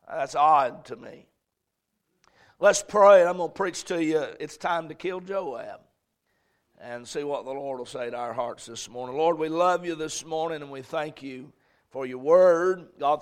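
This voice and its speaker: A male pastor preaching and reading scripture to a congregation, in an echoey church hall. He talks in a folksy way and repeats phrases, then swells when he reads verses aloud. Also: on the high side. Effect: echoey church hall sound.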